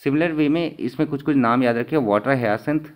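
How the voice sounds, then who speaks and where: A male exam-prep teacher with a mid-range pitch and moderate pace talks through the questions conversationally. He poses questions to the class, answers them himself, and repeats every key term so it sticks.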